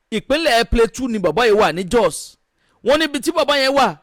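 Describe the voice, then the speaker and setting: A Nigerian-accented man delivers opinionated news commentary at a rapid clip. His pitch runs high and the sound is close and dry. He drops English phrases into his speech and questions indignantly. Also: fairly bright tone, no echo. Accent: Nigerian Yoruba-language accent. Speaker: online news presenter.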